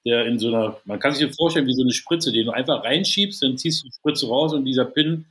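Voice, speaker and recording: A Berlin man in his thirties co-hosts a casual podcast over a video call, using a headset. He talks loosely, swears jokingly, and eagerly explains gear, his mid-range voice quick and fairly bright.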